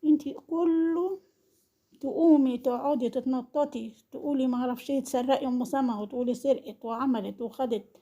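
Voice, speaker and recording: Scolding Egyptian woman, husky and mellow. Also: high-pitched, steady tone, fast talker. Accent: Egyptian Arabic. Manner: reproachful, hammers the same accusing questions over and over. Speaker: vlogger commenting on an online family feud. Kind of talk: scolding monologue.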